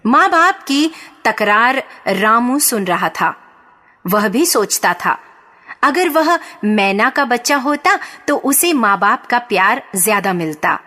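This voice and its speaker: A woman narrating a children's story in a calm, measured way. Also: a little high.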